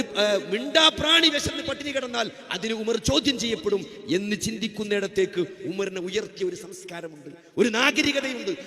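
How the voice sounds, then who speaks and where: High-voiced, bright, impassioned male preacher. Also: big-room sound. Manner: impassioned, repeats phrases, asks the crowd rhetorical questions. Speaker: Islamic preacher. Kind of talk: sermon.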